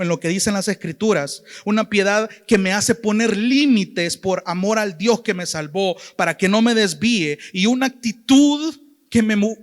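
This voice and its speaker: A man with a Salvadoran accent preaching a sermon, earnestly addressing his listeners as brother and sister. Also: high-pitched. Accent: Salvadoran Spanish. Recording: long hall reverb.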